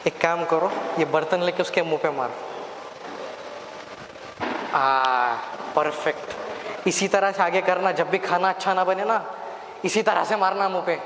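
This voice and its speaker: A young man playing a gleeful, scheming male devil in a stage monologue, bossing his minions, taunting, and breaking into cackles and shouts. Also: a little high, noisy background, close to an everyday voice. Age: young adult. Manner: taunting, bossy, bursts into cackling laughs and shouts. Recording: echoey hall, long reverb.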